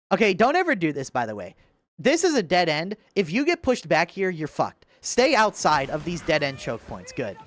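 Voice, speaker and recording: A man's voice: high voice, fairly bright tone, slight background noise. A young man giving casual, sarcastic commentary while reviewing gameplay, exasperated and swearing.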